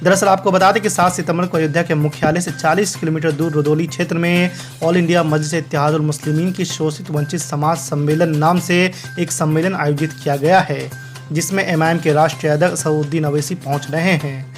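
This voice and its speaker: News anchor, man, steady formal read, fairly high voice. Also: a little fast, faint music behind. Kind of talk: scripted news reading.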